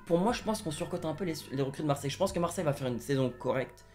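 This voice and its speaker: A man's voice: fairly high pitch, racing, darkish tone, faint music behind. A young man co-hosting a casual football chat, giving his opinions with many hedges. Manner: opinionated, hedging with "je pense". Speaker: football channel co-host.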